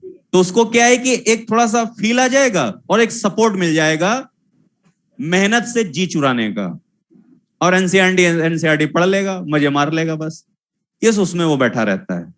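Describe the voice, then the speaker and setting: A man's voice: high-pitched, sing-song, a little slow, fairly bright tone. A young man teaching a zoology class, lecturing and scolding his students again and again in a repetitive way.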